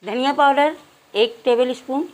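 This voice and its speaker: A woman hosting a cooking channel, giving calm step-by-step recipe instructions to her viewers in a home kitchen. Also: sits high, normal speed, low-quality recording.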